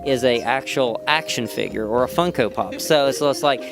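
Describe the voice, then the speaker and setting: At a fan convention, this gravelly-voiced actor from West Virginia speaks at a moderate pace and medium pitch as he answers interview questions. Loud music plays behind him, and his rambling talk is packed with "you know" and restarts.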